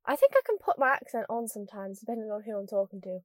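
A woman's voice: mid-range voice, very animated, quick pace, dry recording, clean studio sound. A young woman from Scunthorpe with a northern English accent, chatting casually to camera in a jokey, self-deprecating way. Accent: northern English, Lincolnshire. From Scunthorpe, northern England.

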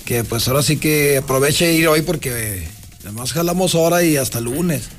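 A man's voice: on the high side, moderate pace, soft background music. A man with a Mexican accent giving an informal radio sales plug, jokey and colloquial, urging listeners over and over. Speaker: store representative promoting a sale.

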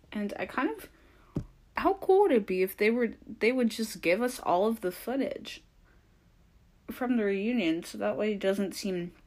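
A young woman giving a casual, opinionated recap as a podcaster, rambling conversationally through her points. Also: fairly low pitch.

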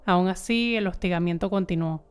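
A woman reading scripted documentary narration in a steady, measured way. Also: fairly low pitch, clean tone, faint music behind.

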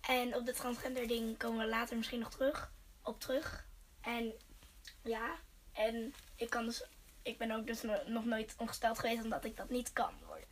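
A woman's voice: a little high, level tone, normal speed, slight background noise, rough recording. A young teenage girl chatting casually as a guest among friends on a podcast. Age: child or young teen.

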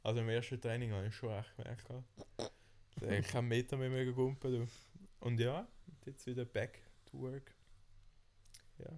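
A young man with a Swiss German accent telling a funny travel story in casual chat, lively and laughing often. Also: medium pitch, moderate pace, pauses often. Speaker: podcast co-host.

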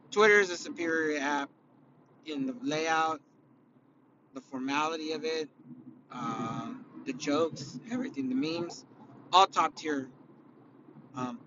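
A podcast host from California rants alone in a rambling, profane, opinionated way, full of fillers and restarts, his voice raspy and worn out after concerts. It sits slightly high for a man. The lo-fi recording sounds dull, with vehicle noise clearly audible underneath.

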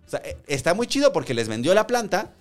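A man's voice: high-pitched, big pitch swings, quick pace, faint music behind. A young man with a Mexican Spanish accent, hosting a podcast in casual chat. He tells stories with energy, acts out the voices of the people he quotes and laughs often. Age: young adult. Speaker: podcast host.

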